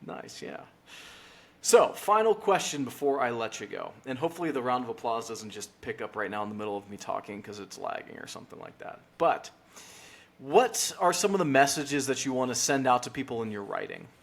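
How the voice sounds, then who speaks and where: A man's voice: mid-range voice, animated, a little fast, vocal fry. A man hosting a podcast interview, chatty and encouraging toward his guest. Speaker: podcast host. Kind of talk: casual interview.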